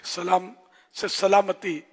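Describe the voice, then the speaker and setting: A man giving an earnest religious teaching in short, admonishing phrases with pauses, as a scholar answering questions. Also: sits high, little pitch movement. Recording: long hall reverb.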